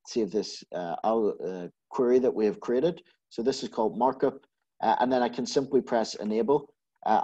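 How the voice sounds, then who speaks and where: Guy doing a software demo, kinda husky mellow voice, lots of ums. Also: on the low side, muffled recording. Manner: methodical, lots of filler sounds. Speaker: solutions architect giving a software demo. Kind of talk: screen-share product walkthrough.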